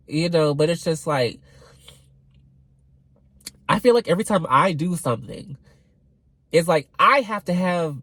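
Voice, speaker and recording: A man's voice: fairly high pitch, fairly bright tone, no room sound, rough recording. A young man in his twenties venting in a casual vlog rant, rambling with fillers and swearing freely. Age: 20s. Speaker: vlogger.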